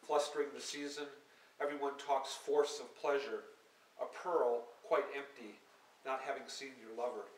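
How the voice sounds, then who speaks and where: A poet at a live reading who reads his poems in a measured, unhurried way and explains his work with halting, hesitant asides. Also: medium pitch, fairly even intonation. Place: small hall at a live reading. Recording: echoey live room from a distance, faint hiss.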